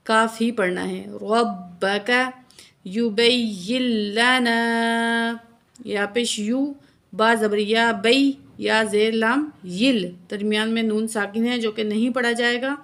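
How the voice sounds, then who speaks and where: A woman teaching a tajweed lesson, spelling out letters and vowel marks patiently and drawing out recited verses very slowly. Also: on the high side, gravelly, fairly bright tone. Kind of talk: slow word-by-word recitation lesson.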